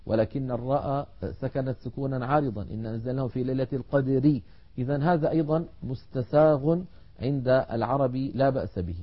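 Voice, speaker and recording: Male tajweed teacher, mid-pitched, methodical and slow on example words, muffled lo-fi TV audio. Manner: measured explanatory delivery, drawing out example words slowly. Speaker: Quran recitation teacher. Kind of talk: televised tajweed lesson.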